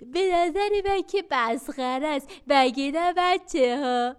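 A woman voicing a sly, greedy talking sack in a children's radio story, speaking slowly and loudly in a wheedling tone. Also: natural voice. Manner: slow, wheedling, lower and louder than the narration.

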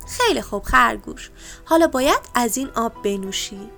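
A woman's voice: a little high, sing-song, gravelly, faint music behind, heavily acted. Woman doing a patient, wise little bee. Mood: reassuring. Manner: patient, gently scolding.

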